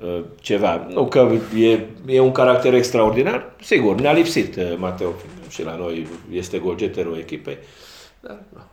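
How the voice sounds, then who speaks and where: A man's voice: lowish voice, lively intonation, a little mellow. A man speaking as a football coach at a post-match press conference, frank and self-critical. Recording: roomy echo.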